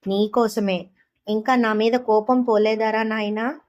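Soft anxious old mom's ghost in a dream, woman reading it, tender and pleading, audiobook story. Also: on the high side, steady tone, measured pace, natural voice. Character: gentle worried old mother's spirit in a dream.

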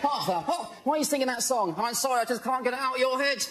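A man's voice: very high-pitched, quick pace. A man in his thirties doing comedy patter as a ventriloquist on a large theatre stage. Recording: loud audience and clicks, noisy.

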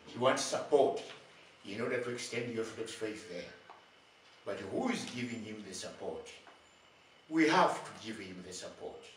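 An older man preaching a sermon, speaking slowly and deliberately in short phrases with long pauses. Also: on the low side. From Uganda. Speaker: bishop. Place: indoors, plain room. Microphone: far camera. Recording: very echoey room, far from mic, faint noise.

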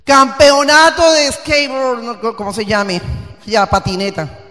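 A woman pastor preaches with fervor, dropping to near-whispers and then building to loud, emphatic peaks. Her voice rings out with the long reverb of a church hall. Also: fairly high pitch, fairly even intonation, unhurried, faint music behind. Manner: passionate, swinging from hushed to loud and emphatic. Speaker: guest pastor. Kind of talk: sermon.

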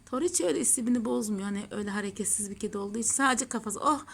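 A woman's voice: mid-range voice, very fast, creaky, slightly rough. A woman filming her cats at home, cooing over them and chatting casually to her viewers. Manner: doting, gushing baby talk to her cats. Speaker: pet channel host. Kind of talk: casual home pet vlog.

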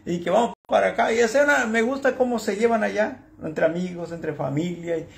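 A man's voice: sits high, a little fast, gravelly. A man talking casually to camera as a channel host, telling stories animatedly and acting out what other people said. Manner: animated storyteller who acts out other people's lines.

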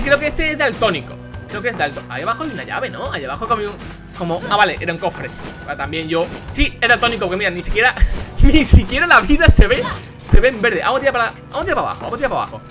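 A young man with a Spanish accent commentating a video game he is playing, casual, excitable, shouting and swearing when things go wrong. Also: high voice. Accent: Spain. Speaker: gaming youtuber. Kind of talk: casual let's play commentary.

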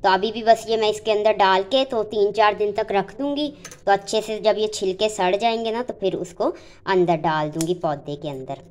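A woman's voice: mid-range voice, moderate pace. Chatty woman vlogging with her cats. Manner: chatty, affectionate, talks fondly to the cats. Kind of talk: casual home vlog narration. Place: home kitchen and rooms, indoors.

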